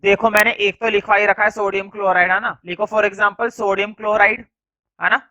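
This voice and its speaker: A man's voice: high voice, steady tone, brisk, sharp tone, lo-fi sound. A male science teacher dictating class notes, repeating phrases word by word and adding casual asides with tag questions.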